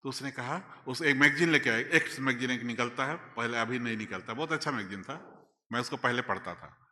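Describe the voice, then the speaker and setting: A man, a bishop telling a personal story in a sermon, moving between loud exclamations and quiet asides. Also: mid-range voice, fairly quick, in a large hall. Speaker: bishop preaching. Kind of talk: sermon testimony. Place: church hall.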